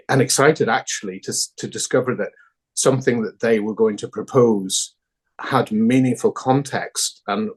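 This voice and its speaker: A man's voice: fairly low pitch, husky. A man with a Northern Irish accent, a founding director answering interview questions thoughtfully, with hesitant fillers. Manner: thoughtful, many fillers and restarts.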